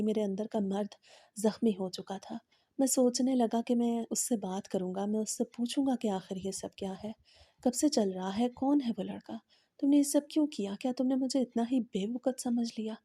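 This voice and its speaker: A woman narrating a scripted first-person moral story in a measured, steady way. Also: mid-range voice, breathy edge, dry recording, clean studio sound.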